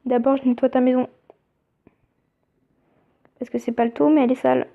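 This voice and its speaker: A young woman chatting casually as she plays a mobile game, reading its text aloud and thinking out loud. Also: high voice, little pitch movement, moderate pace. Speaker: let's play gamer. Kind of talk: casual gameplay commentary. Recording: tinny phone-like sound.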